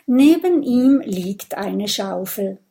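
A woman reading a children's audiobook aloud with clear, gentle storytelling. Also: mid-range voice, expressive, takes it slowly. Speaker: audiobook narrator.

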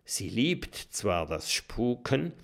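A man's voice: lowish voice, very animated, drawn-out words, vocal fry, heavily acted. A man voicing a grown male badger who explains things in an emphatic storytelling tone. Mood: explaining.

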